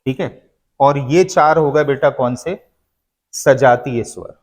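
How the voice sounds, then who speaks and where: A man teaching a grammar lesson, who keeps asking his students questions and answering them himself in a patient, drawn-out way. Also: medium pitch. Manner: slow, drawn-out explanation. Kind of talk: classroom lecture on grammar.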